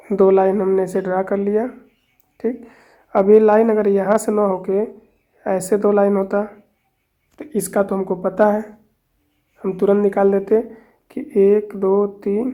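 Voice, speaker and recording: A woman with a mellow, medium-pitched voice teaches math at a board. She explains each step, counting aloud and checking in frequently.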